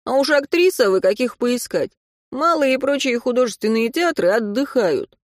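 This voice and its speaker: Reading an audiobook in studio quality with no echo, a woman voices a curt, mocking, sarcastic young man. Her delivery is animated and at normal speed, a little high and pitched above her own voice, yet close to an everyday sound.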